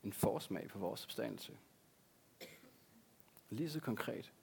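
A man's voice: on the low side, lively intonation, creaky, a little mellow, slight background noise. A man, a pastor, preaching a sermon in an earnest way, repeating key words for emphasis.

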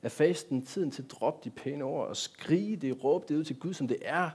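A man's voice: fairly high pitch, a little mellow, breathy edge. A man giving a sermon in a church, talking directly to the congregation and asking them many rhetorical questions. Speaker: pastor.

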